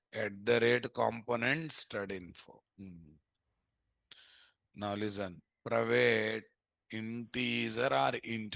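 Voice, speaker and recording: With a fairly low pitch, vocal fry and a fairly bright tone, an Indian-accented man teaches a live coding class from his computer indoors, with no room sound. He leans on rhetorical questions, repeating "what" often.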